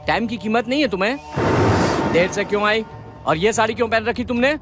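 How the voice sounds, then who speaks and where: A man's voice: high voice, brisk, close to an everyday voice. A man playing a hot-tempered, bossy uncle who scolds and threatens everyone around him. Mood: scolding. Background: background music.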